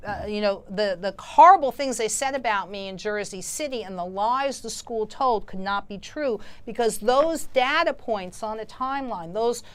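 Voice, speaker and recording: A woman's voice: mid-range voice, moderate pace, hardly any pauses, fairly bright tone, smooth. A woman hosting a call-in talk show, speaking emphatically and insistently and repeating her points.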